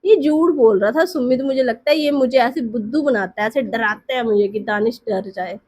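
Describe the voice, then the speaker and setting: A woman voicing a timid young male friend who scares easily, speaking in a pleading, worried way and a little lower than her own voice. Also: moderate pace, a little mellow, close to an everyday voice. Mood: anxious.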